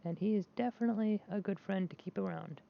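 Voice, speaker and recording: Talking fast in a creaky, mid-range voice, a woman vlogs casually during a game. She rambles with frequent restarts and fillers, candid and quick to poke fun at herself, over a dull, slightly noisy lo-fi mic.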